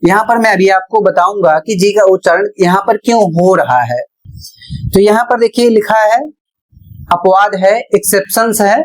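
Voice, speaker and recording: A woman's voice: medium pitch, lively intonation, normal speed. A woman teacher explaining English pronunciation rules in a classroom-style lesson, spelling words out letter by letter.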